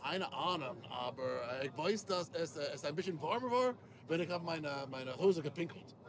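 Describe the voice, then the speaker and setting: A man's voice: a little high, lively intonation, normal speed, crowd noise. A man in his forties, a native English speaker with an American accent in German, chatting casually and searching for words. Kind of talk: casual interview in halting German. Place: inside a coach bus. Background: music and vehicle ambience.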